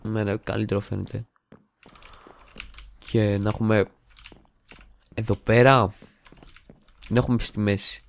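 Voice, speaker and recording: A man's voice: fairly low pitch, little pitch movement, creaky, long pauses. A young man hosting a gaming video in casual, jokey commentary, rambling, muttering and humming to himself while he builds, recorded on a desktop mic at home. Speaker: gaming channel host. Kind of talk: casual let's-play commentary. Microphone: desktop studio mic.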